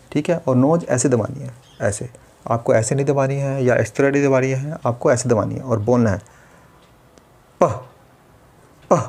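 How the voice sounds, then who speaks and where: A man, a speech therapist calmly explaining exercises step by step. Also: medium pitch, vocal fry. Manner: patient, step-by-step, demonstrates sounds. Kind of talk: instructional demonstration.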